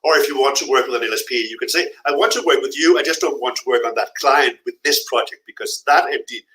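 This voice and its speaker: A middle-aged freelance translator, appearing as a guest in a live interview, talks fast in a bright, forward, mid-range voice. He gives blunt, frank warnings and drives his points home while his words echo around the room.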